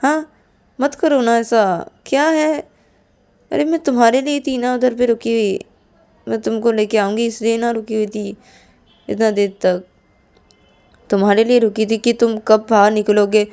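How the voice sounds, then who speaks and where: A woman voicing a patient young partner who coaxes and pleads softly. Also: fairly high pitch, steady tone, a little slow, pauses often, clear, resonant tone, voice pushed up. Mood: pleading. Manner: soothing, pleading, repeats "arre".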